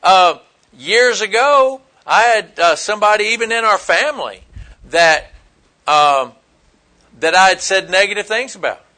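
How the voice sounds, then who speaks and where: A man delivers a folksy sermon in a high, bright voice. He talks plainly and with emphasis, leaping up in loudness on his key points and dropping low for quieter asides. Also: expressive, measured pace. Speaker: preacher.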